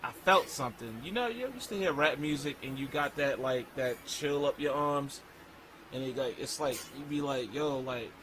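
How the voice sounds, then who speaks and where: A man who raps, talking in a casual interview in an animated, slangy way and reciting lyrics mid-sentence. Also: medium pitch, moderate pace, background noise. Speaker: rapper.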